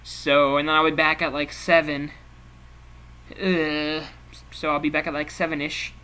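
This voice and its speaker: A man's voice: fairly high pitch, flat delivery, unhurried, bright, forceful tone. A young man in his twenties chatting casually in a late-night vlog, rambling and laughing as he goes. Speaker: vlogger.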